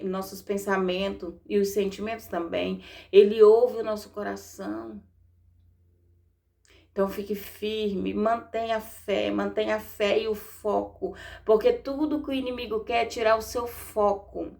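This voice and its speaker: A woman's voice: mid-range voice, creaky, a little mellow. A woman with a Brazilian Portuguese accent preaching a fervent devotional exhortation, repeating her phrases and calling her listeners "gente".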